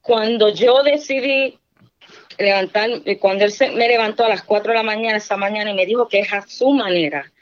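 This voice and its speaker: A woman's voice: mid-range voice, fairly quick. A middle-aged woman giving a fervent church testimony, speaking earnestly and often checking in with her listeners. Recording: dull lo-fi recording.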